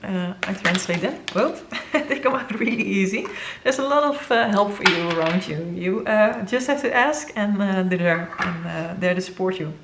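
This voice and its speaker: Gentle gravelly woman reading tarot. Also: mid-range voice, heavy background noise. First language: Dutch. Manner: gentle, earnest, halting with many fillers. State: emotional, near tears. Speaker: tarot reader. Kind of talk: spiritual tarot reading to viewers.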